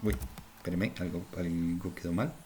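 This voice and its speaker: Faint music plays behind a deep, slightly mellow male voice as a programming instructor teaches a coding lesson by screen recording at a moderate pace. He talks through his thinking while typing and frequently asks viewers "¿cierto?", with keyboard typing, clicks and audible noise from his home setup.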